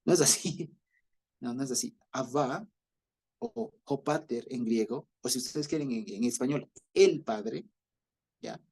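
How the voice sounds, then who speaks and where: A man with an Ecuadorian accent teaching a Bible study, explaining slowly and often checking that his listeners follow. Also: mid-range voice, animated, creaky, darkish tone, husky. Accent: Ecuadorian Spanish. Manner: explanatory, repeats himself with many fillers and checks for understanding. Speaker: preacher.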